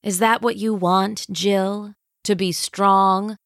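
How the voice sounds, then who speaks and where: A woman voicing a shrewd, regal old villainess in armor who speaks slowly and commandingly. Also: mid-range voice, steady tone, a bit bright, dry recording, studio quality. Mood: gloating. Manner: slow, gloating, commanding.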